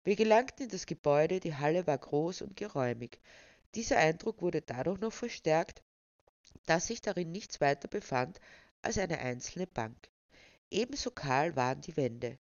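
A woman's voice: low-pitched, lively intonation, moderate pace, darkish tone, dry recording. A woman narrating a first-person story in wordy, ornate phrasing. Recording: dry, slightly dull recording.

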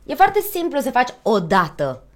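Animated woman coaching voice acting. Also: on the high side. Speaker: guest voice actor and singer. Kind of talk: casual chat, voice coaching.

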